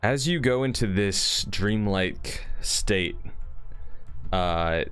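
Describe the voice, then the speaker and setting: A man runs a tabletop game as its dungeon master, his voice very low and smooth. He drifts through his descriptions slowly, leaning on fillers and restarts, with faint music underneath. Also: lively intonation, a bit bright, no echo. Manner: loose, rambling description full of fillers.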